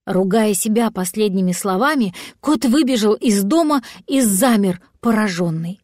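A woman narrating a children's storybook aloud with gentle expressive telling. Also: medium pitch, moderate pace, dry recording, studio quality. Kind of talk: audiobook storytelling.

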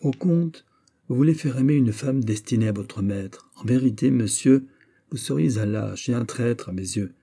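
A man's voice: medium pitch, creaky, warm tone. A man voicing a dignified young nobleman who answers insults coldly and sternly. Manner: cold, measured, stern.

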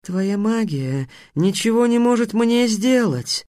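A man voicing a smug, hungry male sphinx who teases with riddles, drawing his words out slowly. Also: high voice, animated, a little mellow, dry recording, clean studio sound, voice pushed up. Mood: haughty. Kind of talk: audiobook character voice.

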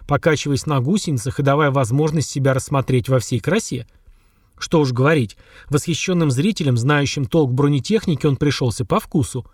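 A man narrating an audiobook in a steady, even reading style. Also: fairly high pitch, no echo, clean studio sound. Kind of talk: scripted narration.

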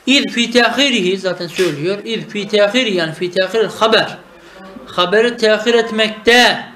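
High-voiced man teaching, echoey room. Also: normal speed, sharp tone. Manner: explains by asking questions and answering them himself. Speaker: teacher of Arabic grammar. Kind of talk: traditional madrasa-style lesson.

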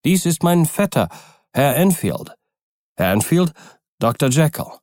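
A man voicing a good-natured lawyer in an audiobook, speaking up in a brisk, urging, hearty manner. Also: a little high, sing-song, darkish tone, no echo, clean studio sound, pitched above the performer's own voice. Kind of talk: audiobook character reading.

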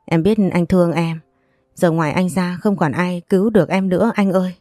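A woman's voice: on the low side, fairly even intonation, brisk, dark tone, dry recording, clean studio sound, faint music behind, lightly acted. A woman voicing a remorseful younger man who begs his older brother for rescue in a read-aloud story. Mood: begging. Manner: begging, remorseful. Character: desperate younger man, gambler begging forgiveness.

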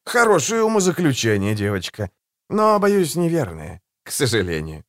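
A man reading an audiobook, voicing a suave, condescending male assassin in a soft, low, silky voice. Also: huge pitch swings, normal speed, no room sound, clean studio sound. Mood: silky, ironic. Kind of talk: audiobook character voice.

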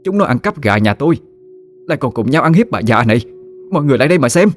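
A man voicing a shrill, spiteful old village woman who scolds and curses her neighbours. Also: very animated, fast talker, a little hiss or hum, lightly acted. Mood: wailing.

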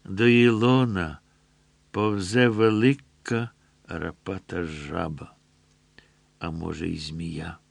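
A man reading a literary story aloud, slow, measured and somber, close to the mic. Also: lowish voice, gravelly, a bit bright, dry recording. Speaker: audiobook reader. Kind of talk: literary narration.

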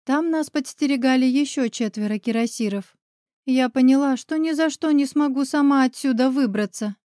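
High-voiced woman narrating a story. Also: normal speed, no echo, studio quality. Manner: expressive first-person storytelling. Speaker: audiobook narrator. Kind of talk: scripted fantasy narration.

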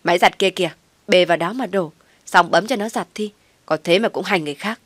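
A woman voicing a brash, mocking young wife who shouts at her mother-in-law. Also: mid-range voice, lively intonation, moderate pace, no room sound, natural voice. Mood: shouting scornfully. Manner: shouting, scornful.

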